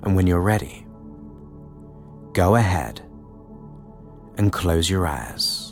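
A man leading a guided relaxation in a soothing, unhurried manner, leaving long pauses between short phrases. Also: deep voice, lively intonation. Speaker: guided meditation host. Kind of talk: guided relaxation hypnosis narration. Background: new-age music.

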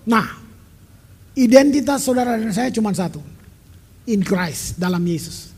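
A man's voice: sits high, lively intonation, a little slow, a little mellow, slight background noise. A middle-aged man preaching a sermon as pastor, talking emphatically and conversationally and dropping in English phrases. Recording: long reverb of a large hall.

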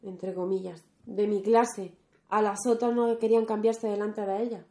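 A woman's voice: medium pitch, steady tone, warm tone. Teasing young woman in an echoey room. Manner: quick, teasing interjections. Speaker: podcast co-host. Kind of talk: casual chat. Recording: roomy echo.

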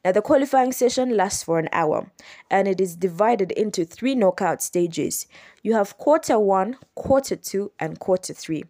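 A woman's voice: medium pitch, expressive, normal speed, mellow. A young adult woman from Uganda, hosting a solo podcast and patiently explaining rules step by step, often repeating and correcting herself. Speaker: podcast host.

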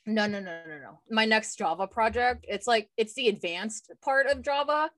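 A woman's voice: a little high, moderate pace, fairly bright tone. A woman co-hosting a podcast in casual chat, playful and teasing as she steers the talk. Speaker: podcast co-host.

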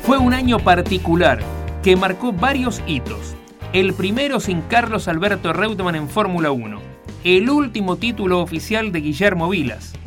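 A man's voice: high voice, a bit bright. A man with an Argentine accent reading a scripted retrospective narration. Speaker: documentary narrator. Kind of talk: scripted narration of a year in review.

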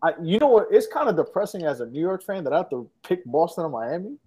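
A man's voice: fairly high pitch, very animated, fast talker, warm tone, husky. A man co-hosting a podcast in casual, slangy banter. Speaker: co-host of a sports talk podcast.

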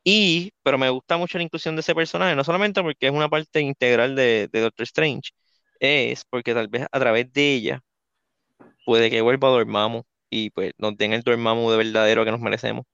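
Gravelly man on a dull mic. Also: medium pitch, fairly even intonation, brisk, a bit bright, no room sound. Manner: explains comic lore in detail. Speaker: podcast co-host. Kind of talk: casual movie discussion.

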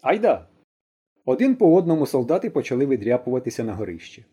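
A man reading an audiobook aloud with expressive storytelling. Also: mid-range voice, very fast, breathy edge. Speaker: audiobook reader. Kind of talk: audiobook narration.

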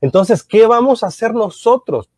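Husky, earnest man on a talk panel. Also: sits high, expressive, normal speed, darkish tone, no room sound, studio quality. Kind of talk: casual panel discussion.

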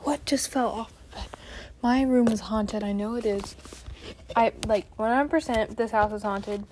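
A woman's voice: on the high side, moderate pace, noisy background. A young adult woman hosting a casual solo podcast, rambling and apologetic as she interrupts herself. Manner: scatterbrained, self-interrupting, apologetic. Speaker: podcast host. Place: bedroom at home.

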